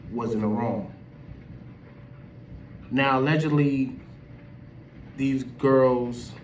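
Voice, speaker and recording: A male video host offers casual opinion commentary in an emphatic, slangy, conversational style. His voice is mid-range, captured in an echoey room by a distant mic with background noise.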